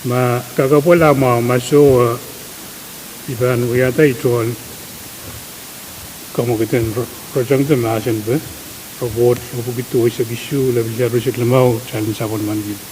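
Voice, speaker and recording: A man delivers a legislative floor speech as a lawmaker. His middle-pitched voice rings in a reverberant hall, with steady hiss behind it. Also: moderate pace. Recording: noisy hiss, echoey hall.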